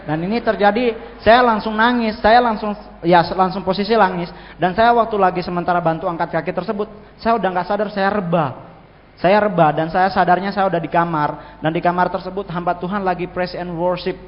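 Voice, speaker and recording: A man, speaking in a high voice and telling his testimony with restarts and sudden emphasis. His voice rings through a large hall with a long reverb. The recording sounds dull and muffled. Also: steady tone, a little fast. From Manado, Indonesia. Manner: vivid storytelling, frequent restarts, bursts of emphasis. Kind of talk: preached personal testimony.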